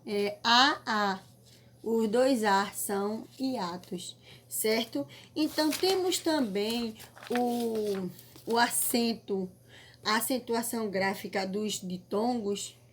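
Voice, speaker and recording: A woman with a Brazilian Portuguese accent teaching an online class, speaking slowly, repeating words and often checking "certo?". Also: fairly high pitch. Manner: slow, repetitive, checks with "certo?".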